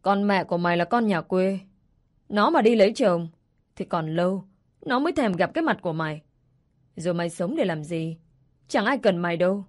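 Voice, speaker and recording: A woman's voice: fairly low pitch, lively intonation, a little fast, long pauses, natural voice. A woman doing a spiteful, sneering stepmother. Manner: sneering, shouting insults. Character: harsh scolding stepmother, young woman.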